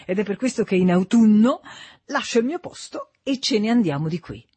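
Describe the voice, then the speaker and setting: A man reading an audiobook, voicing an uneasy, earnest young husband in a quiet, measured tone. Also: high voice, expressive, breathy edge, pitched above the performer's own voice.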